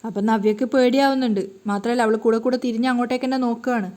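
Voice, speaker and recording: Woman storyteller, rapid recap narration, slightly high voice. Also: steady tone, a little mellow.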